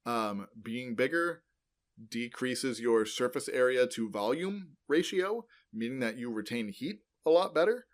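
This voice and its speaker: A man co-hosting a podcast, explaining things in a loose, informal way and filling pauses with many ums, uhs and likes. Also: mid-range voice, lively intonation. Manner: rambling, many ums and uhs, self-correcting; loose and informal, uses "like" often. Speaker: podcast co-host explaining paleontology. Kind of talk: casual educational podcast chat.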